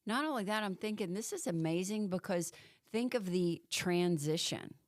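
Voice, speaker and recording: A woman's voice: on the low side, lively intonation, normal speed, dry recording, clean studio sound. A middle-aged woman co-hosting a podcast, explaining things in an earnest, sympathetic way. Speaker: podcast co-host. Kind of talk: casual podcast chat.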